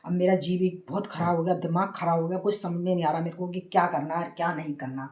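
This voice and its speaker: A middle-aged woman chats to her vlog audience, telling a family story in a loose, rambling way. Her voice sits low and mellow. The room around her has a noticeable echo. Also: steady tone, quick pace. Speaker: vlogger.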